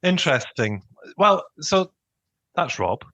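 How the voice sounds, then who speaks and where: A man's voice: a little high, big pitch swings, slow, bright, forceful tone, dry recording, highs cut off. A man hosting a podcast in a casual, informal and jokey conversational style. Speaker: podcast host. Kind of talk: casual banter chat.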